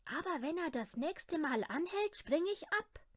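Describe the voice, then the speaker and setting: A woman's voice: extremely high pitch, expressive, unhurried, no echo, clean studio sound. A woman voicing a bold, stubborn little girl in a children's storybook, exclaiming. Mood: excited.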